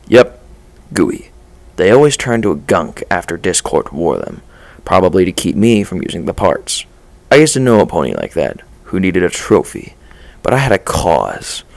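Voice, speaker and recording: A man reading a dark first-person story aloud in a measured, low-key way. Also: sing-song, vocal fry, dry recording. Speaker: story reader. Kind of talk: first-person fan-fiction narration.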